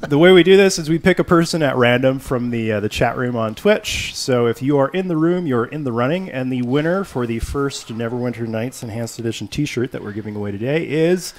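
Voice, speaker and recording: A man's voice: mid-range voice, lively intonation, fairly quick, hardly any pauses. Playful, joking man on a livestream. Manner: playful and joking, reading chat questions. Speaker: studio director co-hosting a livestream. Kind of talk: casual livestream chat.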